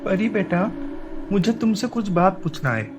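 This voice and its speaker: A man voicing a caring young uncle in an animated story, gentle with his niece and earnest. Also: high voice, measured pace, music in the background.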